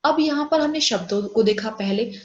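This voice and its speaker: A woman teaching a Hindi lesson, saying example words slowly and giving their English meanings. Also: on the high side, darkish tone. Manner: explains Hindi words with English glosses, slow drawn-out examples. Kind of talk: online class lesson. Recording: echoey room, dull lo-fi audio.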